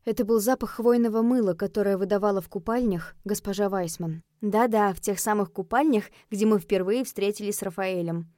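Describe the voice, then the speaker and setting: A woman reading a first-person audiobook, lively and expressive, voicing the heroine's outbursts with heat. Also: medium pitch, brisk, few pauses, no room sound, studio quality. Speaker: audiobook narrator.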